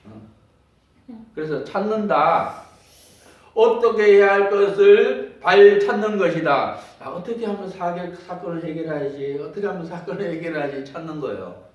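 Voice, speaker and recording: A male pastor delivers an emphatic sermon, repeating key phrases and drawing responses from his listeners. His voice sits somewhat high for a man. It rings through a very echoey church hall, picked up from a distance. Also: moderate pace, highs cut off. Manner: emphatic, repetitive preaching with call-and-response. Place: church sanctuary.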